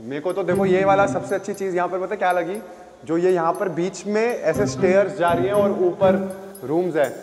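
A young man hosting a casual vlog, teasing and excitable as he tours a house with his friend. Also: high-pitched, a little fast. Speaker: vlogger host. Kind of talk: casual banter, touring a house.

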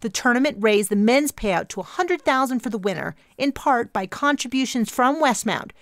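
A woman voicing an intense young female activist in her twenties, insistent and accusatory, with a gravelly edge. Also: animated, no echo, studio quality, lightly acted. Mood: indignant. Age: 20s. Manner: insistent, accusatory, rapid-fire pitch.

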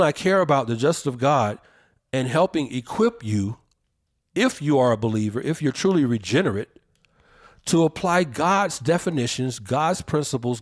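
A man co-hosting a podcast, talking in an emphatic, preacherly way and drawing out the words he stresses. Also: a little high. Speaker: podcast co-host. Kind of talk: opinionated podcast commentary.

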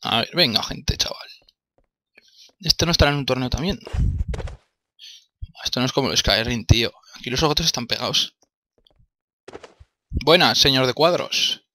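Commentating his own game, a young Spaniard with a Spanish accent grumbles, curses frequently, and talks to himself, clearly exasperated. He speaks in a bright, forceful, expressive mid-range voice at normal speed, leaving long pauses.

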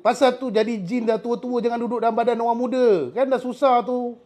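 A man's voice: very high-pitched, steady tone, brisk, warm tone. A middle-aged man with a Malaysian Malay accent, a traditional healer talking to a spirit during a healing session, scolding, coaxing and threatening in turn.

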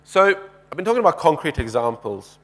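This thirty-something man gives a keynote on a large stage via headset mic, and his fairly high, fairly bright voice is brisk and very animated. He moves across the stage gesturing, chats with the audience through questions, and often restarts what he's saying.

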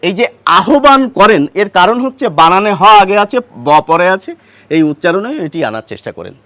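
A man gives a pronunciation lesson in a high voice that rises and falls with lively expression. He explains patiently, asking questions and answering them himself. The sound is close and dry, with no room around it. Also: a little fast, no room sound. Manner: patient, asks and answers his own questions. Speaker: Bengali pronunciation teacher.

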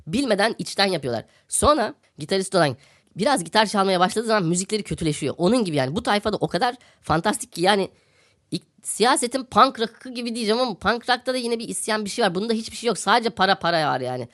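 A man rattles through the news at a brisk clip as a podcast host. His commentary is satirical and sarcastic, and he rants while circling back to the same phrases for comic effect. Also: sits high, lively intonation, fairly bright tone.

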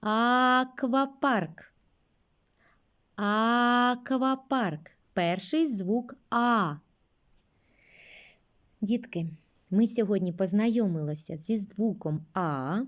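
A woman teaching young children a speech lesson, speaking gently and drawing out words for them. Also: mid-range voice. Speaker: kindergarten teacher.

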